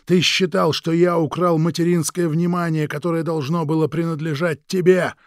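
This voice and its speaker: A man voicing a tired old man who answers his brother softly and sometimes in a whisper in an audiobook reading. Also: little pitch movement, normal speed, dry recording, clean studio sound, close to an everyday voice. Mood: pleading, reproachful. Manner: tired, low, half-whispered. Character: weary old man, worn out and quietly refusing.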